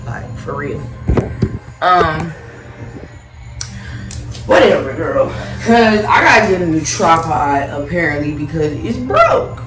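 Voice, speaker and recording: A woman's voice: deep voice, expressive, slow pace, long pauses. A tipsy, giggly woman telling a rambling story in a casual, sassy and blunt way. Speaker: storytime vlogger. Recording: roomy echo, distant mic, loud music behind.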